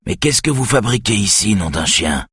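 A man voicing a sly, capricious older male former TV host with a raspy, mocking way of talking. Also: fairly low pitch, lively intonation, normal speed, a bit bright, no room sound, clean studio sound, voice pushed up, full character voice. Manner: taunting, mocking.

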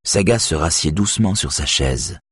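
A man reading an audiobook in scripted narration, even and measured. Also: a bass voice, husky, no room sound, studio quality.

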